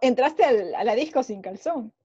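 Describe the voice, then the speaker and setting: A woman's voice: a little high, lively intonation, moderate pace, dark tone, husky, muffled recording. A young woman co-hosting a podcast, chatty and teasing, reflecting on her own stories. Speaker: podcast co-host. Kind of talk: casual chat.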